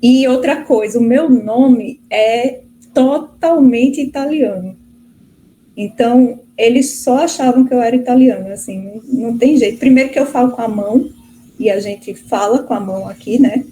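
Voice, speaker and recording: Chatty Brazilian professor, mellow voice. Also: female voice, a little high, normal speed, poor audio. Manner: chatty, many fillers and restarts. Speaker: guest professor. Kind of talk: casual interview answers. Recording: faint background noise.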